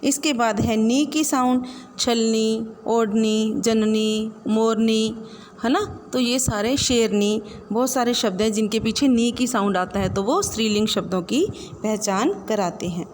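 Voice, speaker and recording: A woman's voice: fairly high pitch, unhurried, darkish tone, big-room sound, slight background noise. A woman teaching a Hindi grammar lesson, listing word examples one by one and checking in with a rising "है ना?". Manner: lists examples with frequent rising "है ना?" check-ins.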